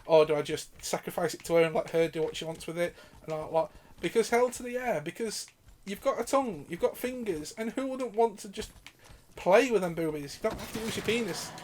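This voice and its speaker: A man with a fairly high voice talks over his gameplay in a loose, live commentary. He rambles from one viewer question to the next, swearing casually and laughing as he goes. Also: brisk, darkish tone, slight background noise. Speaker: gaming channel host.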